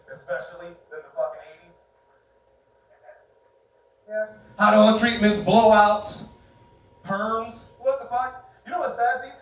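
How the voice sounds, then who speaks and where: A man performing a stand-up comedy set, animated and jumping into high voices for his bits. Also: heavy reverb, distant mic, poor audio. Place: comedy club stage. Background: audience laughter.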